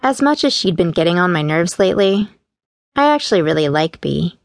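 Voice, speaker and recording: Female audiobook narrator, first-person teen voice, low-leaning pitch, dry booth. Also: big pitch swings, a little fast, creaky, dry recording. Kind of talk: scripted narration. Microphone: studio mic, dry booth.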